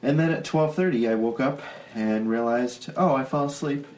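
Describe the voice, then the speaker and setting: A man's voice: mid-range voice, normal speed, a little mellow, a little hiss or hum, poor audio. A young man with a Buffalo, New York accent, co-hosting a podcast in casual chat, rambling and laughing often. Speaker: podcast co-host.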